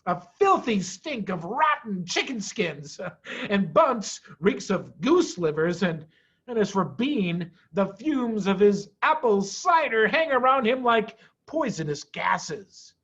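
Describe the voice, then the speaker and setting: Guy doing a smug charming fox dad from a kids book, playful n boasty, really animated. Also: sits high, slow, breathy edge, lo-fi sound, full character voice. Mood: boastful, amused. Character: cocky, charming storybook fox husband.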